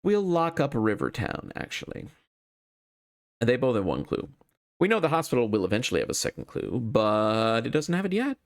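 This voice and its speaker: A man's voice: mid-range voice, very animated, moderate pace. A man thinking aloud as he hosts a solo card game playthrough, casual and wryly self-deprecating.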